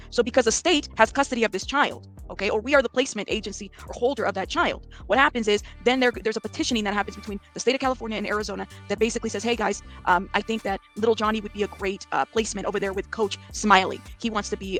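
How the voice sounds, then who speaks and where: A host with an American accent and a somewhat bright, mid-range voice gives informal, emphatic commentary, bluntly laying things out with rhetorical questions and frequent "okay" and "right."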